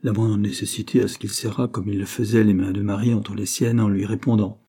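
A man reading a classic novel aloud as an audiobook, narrating in a measured way and raising his voice for agitated dialogue. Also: on the low side, flat delivery, dark tone, husky. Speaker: audiobook reader.

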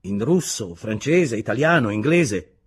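A man's voice: fairly low pitch, expressive, measured pace, slightly rough, pitched above the performer's own voice. A man voicing a prisoner singer who answers deferently and politely.

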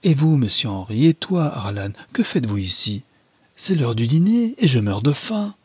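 A man's voice: mid-range voice, sing-song, moderate pace, a little mellow, breathy edge, no room sound, voice pushed up. A man reading aloud voices a frightened young bride, raising his voice into an anxious, pleading tone. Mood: cheerful.

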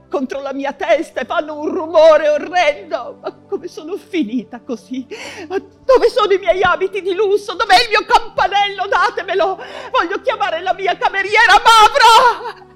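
A woman's voice: high voice, measured pace, darkish tone, soft background music. A feverish imprisoned woman writer. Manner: feverish, distraught, veering between tears and laughter. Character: delirious woman writer, prisoner in camp infirmary. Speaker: stage actress. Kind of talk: theatre monologue on radio.

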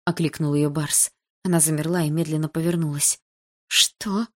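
Low-voiced woman narrating a novel. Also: level tone, a little fast, warm tone. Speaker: audiobook narrator. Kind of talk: first-person novel narration.

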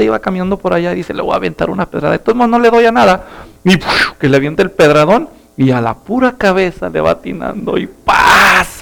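A man's voice: high voice, creaky. A male pastor who preaches a sermon and animatedly acts out the story's characters.

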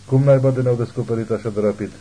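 A man's voice: mid-range voice, fairly even intonation, dark tone, close to an everyday voice, poor audio. A man voicing a tense, hunted man fleeing with his family, terse and commanding. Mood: urgent.

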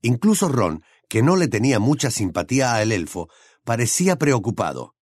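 A man narrates a novel in an expressive, dramatic reading. His pitch rises and falls lively through each sentence. The studio sound is dry with no room echo. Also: normal speed, husky. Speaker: audiobook narrator. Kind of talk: audiobook narration.

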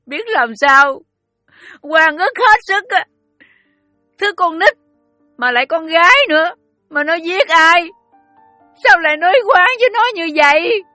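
In this audiobook drama, a grieving older mother whose cries are full of distress and indignation. Her voice rides high and sounds bright and sharp. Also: expressive, measured pace, pauses often, dry recording, faint music behind, heavily acted. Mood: distraught. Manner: distressed, lamenting.

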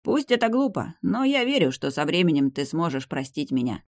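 A woman's voice: low-pitched, very animated, fairly quick, no room sound. A woman voicing a persistent young aristocratic man who keeps pleading with his former lover, in a dry-sounding reading. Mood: earnest.

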